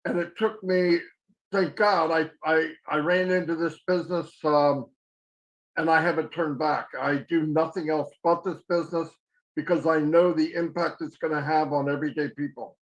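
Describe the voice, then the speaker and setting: A man in his sixties, with a voice a little higher than most men's, presents as a guest speaker on a video call. He talks plenty, jokes about himself, and restarts his sentences as he goes. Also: fairly even intonation, normal speed, low-quality recording. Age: 60s. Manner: chatty, self-deprecating, restarts sentences. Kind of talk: casual presentation.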